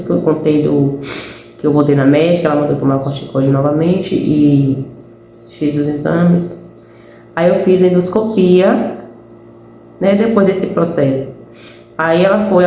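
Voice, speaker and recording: A Brazilian woman shares a personal faith testimony in an earnest, chatty way, talking straight to fellow believers. Her voice is mellow and warm. The recording sounds roomy and echoey, with a faint hum behind her. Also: lowish voice. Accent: Brazilian Portuguese. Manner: earnest, conversational, addresses listeners as brethren.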